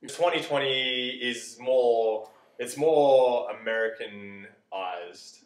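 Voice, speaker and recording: A man's voice: mid-range voice, slow pace, roomy sound. A man co-hosting a casual chat, joking around bluntly. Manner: banter, jokey and blunt. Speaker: co-host.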